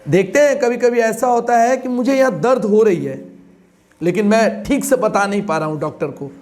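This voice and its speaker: A man's voice: sits high, normal speed, darkish tone. A man teaching an exam-prep class, explaining points with questions and everyday examples.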